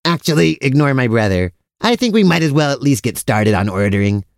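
A man's voice: mid-range voice, very animated, brisk, gravelly, no room sound, clean studio sound. A man playing a cheerfully oblivious, food-loving brother who is vain about his mustache, in a comic audio drama. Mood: vain, pleased. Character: mustache-proud, food-loving, easily distracted silly brother.

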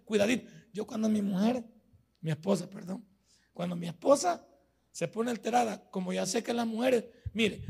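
Gravelly high-voiced Salvadoran pastor. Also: male voice, darkish tone. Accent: Salvadoran Spanish. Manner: folksy preaching with everyday anecdotes. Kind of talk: sermon.

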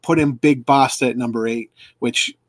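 A man's voice: mid-range voice, fairly even intonation, normal speed, dry recording. A man hosting a casual live stream for a sports fan club, rambling with lots of fillers and restarts.

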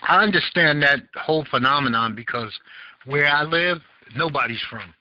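With slight background noise on dull, lo-fi audio, a male podcast host with a Southern American accent chats with callers in a casual talk show. His pitch is fairly high and his pace moderate. He rambles and reaches for words, full of fillers.

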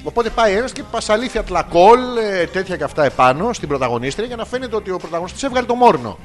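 A man from Greece co-hosting a loose comedy podcast, his voice sitting a touch high and swinging up and down as he teases and cuts in on his partner. Faint music runs underneath. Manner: teasing, interrupting, animated. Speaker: podcast co-host. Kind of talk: crude comedic banter.

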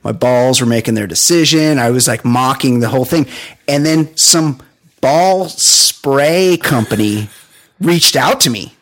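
A man hosting a casual comedic chat, rambling and halting as he repeats himself. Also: mid-range voice, fairly bright tone. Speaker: talk show host.

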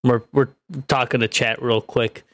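A man's voice: mid-range voice, flat delivery, moderate pace, fairly bright tone, no echo. A man hosting a casual podcast chat, teasing his friends and addressing the chat.

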